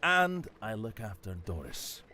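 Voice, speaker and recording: A man's voice: fairly low pitch, very animated, a little slow, pushed and bright, exaggerated voice. A man voicing a brash, bird-loving ferry captain with a Scottish accent, in a game. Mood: enthusiastic. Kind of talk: voiced game dialogue.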